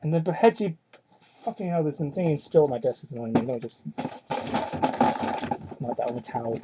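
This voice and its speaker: A young adult reader and commentator performs fan fiction in a mock-dramatic style, animated and at normal speed, peppering it with sweary, sardonic remarks. The audio is very noisy, muffled, and low-fidelity from a cheap microphone.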